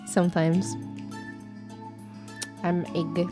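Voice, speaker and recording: A woman's voice: level tone, extremely slow. Playful rambling woman streamer. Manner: playful and rambling, with sudden high squeaky greetings. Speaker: VTuber streamer. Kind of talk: casual live-stream chat. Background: faint background music.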